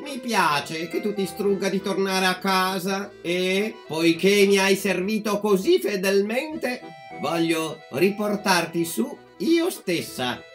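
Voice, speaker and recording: A man voicing a kind high old storybook woman. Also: lively intonation, slow, faint music behind, exaggerated voice. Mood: kindly. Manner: soft and kindly. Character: kind old woman with long teeth, gentle. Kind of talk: storybook reading.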